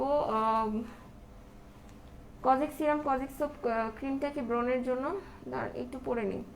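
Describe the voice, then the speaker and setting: A Bangladeshi woman with a high voice talks through a face mask, slightly muffled. She chats casually as a live-selling host, taking questions and dropping in English words. There is some background noise around her. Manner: code-switches into English words and often adds check-in tags. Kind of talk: casual live sales chat answering viewers' comments.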